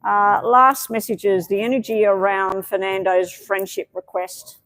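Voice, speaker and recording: A woman's voice: mid-range voice, flat delivery, measured pace, fairly bright tone, no echo, rough recording. A woman giving tarot readings on a live stream, chatty and meandering, with many fillers. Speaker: tarot reader.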